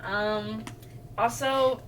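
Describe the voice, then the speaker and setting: A young woman co-hosting a casual podcast, relaxed and trailing off softly. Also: on the high side, extremely slow. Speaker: podcast co-host. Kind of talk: casual chat. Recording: distant mic, faint room noise.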